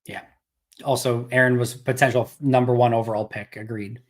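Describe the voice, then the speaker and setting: Host, male, casual live-stream Q&A voice, loose and chatty, a bit hoarse. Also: medium pitch, fairly even intonation, moderate pace. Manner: conversational, thinks aloud with restarts. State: losing his voice. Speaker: podcast host.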